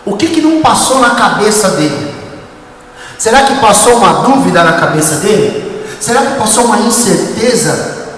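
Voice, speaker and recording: Brazilian male preacher, emphatic, shouts his key lines; heard from far off in a very echoey church hall with a long tail. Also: high-pitched, big pitch swings, moderate pace, slight background noise. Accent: Brazilian Portuguese. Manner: emphatic, bursts into shouts, acts out dialogue. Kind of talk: sermon.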